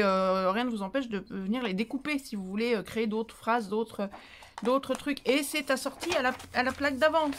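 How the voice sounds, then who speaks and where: A woman's voice: high-pitched, a little hiss or hum. A woman hosting a paper-craft tutorial, talking casually and rambling as she thinks aloud, with playful little asides. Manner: chatty and rambling, thinking aloud while stamping; playful, drifts into silly singsong asides.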